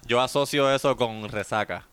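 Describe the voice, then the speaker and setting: A man's voice: mid-range voice, normal speed, a bit bright, smooth, dry recording. A man co-hosting a casual podcast chat, explaining his ideas at length and correcting grammar. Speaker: podcast co-host.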